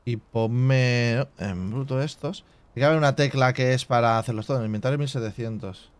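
A man's voice: medium pitch, brisk, no room sound. Chatty man thinking aloud over a game. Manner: thinks aloud, reading game menus half to himself; chatty asides to viewers with filler tags like "tío". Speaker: gaming channel host. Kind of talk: casual let's play commentary.

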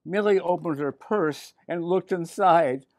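A man's voice: on the high side, unhurried, dry recording, studio quality. An older man reading a picture book aloud to children, chatting to them with asides between the lines. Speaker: resident reader.

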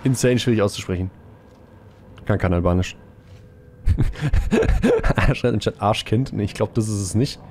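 A young man streaming a shooter game live, chatting casually with viewers in a slangy, excitable way, with gunfire from the game behind him. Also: lowish voice, brisk, a little hiss or hum.

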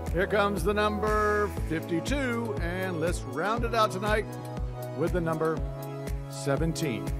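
High-pitched male lottery draw host over music. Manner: lottery draw host delivery, addressing viewers. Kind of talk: upbeat lottery draw announcing.

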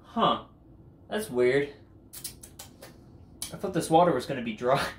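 A young man hosting a comedic home cooking vlog, goofy and jokey, sometimes breaking into loud mock commands, filmed in his kitchen on a camera mic. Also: mid-range voice, expressive, a little slow, roomy sound, slight background noise. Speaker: cooking video host.

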